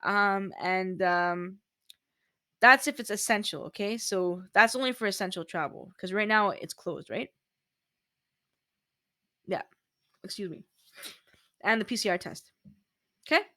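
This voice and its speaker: A woman's voice: medium pitch, a little slow, pauses often, pushed and bright, no room sound. A woman, casually explaining rules step by step in a chatty vlog. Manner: chatty, walks through steps point by point. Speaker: vlogger.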